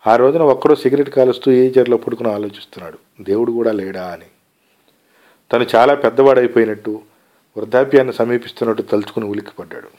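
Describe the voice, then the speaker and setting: A man narrating a short story aloud in a calm, measured storytelling manner. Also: medium pitch, dull audio. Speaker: story reader.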